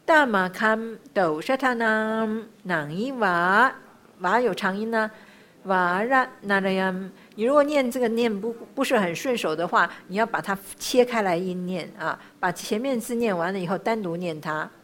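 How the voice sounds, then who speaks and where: A woman teaching the pronunciation of a chanted mantra, repeating syllables slowly one by one and then explaining tones briskly. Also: mid-range voice. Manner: patient, repeats sounds many times. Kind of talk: pronunciation lesson.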